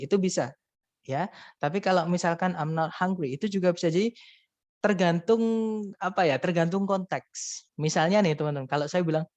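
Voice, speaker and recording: A man's voice: on the high side, a little mellow, no echo. A man teaching an English listening lesson in an online class, explaining step by step in a patient way with frequent fillers.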